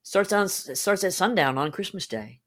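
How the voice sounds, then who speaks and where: A woman hosting a casual podcast, her voice set a little low. She sounds cheerful and chatty, with her pitch rising and falling a lot. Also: animated, moderate pace, a bit bright. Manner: cheerful, chatty, reads listener comments. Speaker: podcast host. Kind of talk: casual chat.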